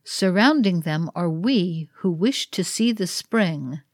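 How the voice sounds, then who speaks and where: A woman's voice: lowish voice, expressive, slow pace, dry recording, studio quality. A woman voicing a master of ceremonies in a ritual play, announcing in a formal, grand way.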